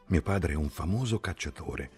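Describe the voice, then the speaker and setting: A man voicing a gentle, soft-spoken army chaplain who talks quietly and mildly. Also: rumbling low, lively intonation, moderate pace, husky, faint music behind, heavily acted.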